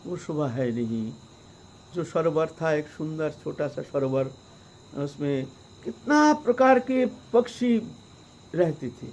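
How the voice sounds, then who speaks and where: A man's voice: on the high side, lively intonation, slow pace, darkish tone, rough recording. A male preacher telling a devotional story in a conversational way, with frequent fillers and rhetorical asides.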